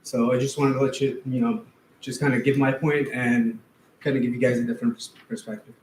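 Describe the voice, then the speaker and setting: A middle-aged man from Afghanistan speaks up at a school board meeting, informal and hesitant with plenty of fillers. His voice is mid-pitched and carries an echo from the large room, with a faint hiss behind it. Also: level tone, brisk. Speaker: parent giving public comment. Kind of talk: public comment speech. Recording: echoey room, faint noise.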